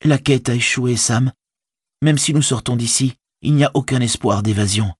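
A man's voice: mid-range voice, normal speed, husky, dry recording, clean studio sound, pitched above the performer's own voice. A man voicing a burdened, haunted young hobbit in an audiobook, speaking intensely in a raised voice. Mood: despairing. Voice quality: intense, despairing. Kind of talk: audiobook character voice.

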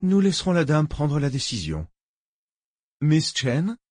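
A man's voice: a little high, wildly swooping pitch, measured pace, a little mellow, husky, no echo, voice pushed up, heavily acted. A man voicing a cold, impatient billionaire who speaks in a curt, clipped way.

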